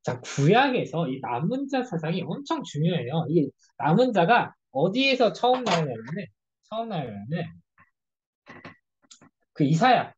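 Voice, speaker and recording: A church youth group leader gives a casual Bible study lecture, telling the story with animated delivery and acting out the quoted lines. The voice is somewhat husky and swings widely in pitch. The recording is dull and lo-fi. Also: normal speed.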